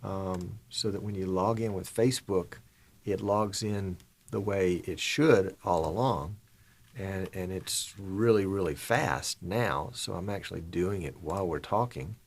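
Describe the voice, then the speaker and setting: A middle-aged man hosting a live stream in casual chat, rambling and muttering to himself as he works his software in a small broadcast studio. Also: low-pitched, measured pace, vocal fry. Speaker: live-stream show host.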